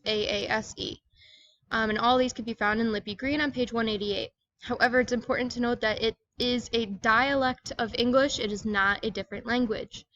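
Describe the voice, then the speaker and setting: A woman's voice: fairly high pitch, fairly bright tone, dull audio. A woman giving a scripted educational presentation, reading aloud in a plain, explanatory manner.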